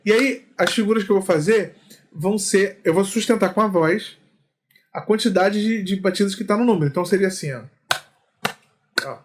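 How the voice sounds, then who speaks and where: A man's voice: high-pitched, brisk, a little hiss or hum. A man teaching an online music lesson, explaining patiently and chanting rhythm syllables.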